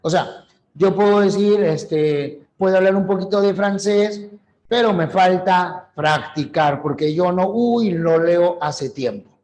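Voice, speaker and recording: A middle-aged man from Peru, high-pitched and unhurried with a darkish tone, lectures an online language class. He keeps a chatty manner, asking questions aloud and answering them himself.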